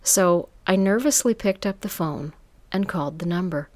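A woman reading a first-person story aloud in a calm, even manner with soft hushed touches. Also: lowish voice, moderate pace, no room sound. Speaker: story reader.

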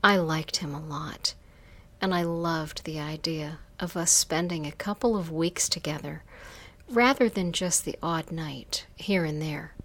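Slow, low-voiced woman reading a story. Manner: soft, unhurried, slipping into whispers. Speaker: story narrator. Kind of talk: reading an erotic story aloud.

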